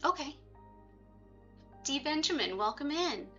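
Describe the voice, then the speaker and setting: A livestream host who practices reiki chats casually with her viewers in a bright, forward, sing-song voice that sits high, dropping little asides at a measured pace. The audio is slightly muffled and lo-fi, with music behind her.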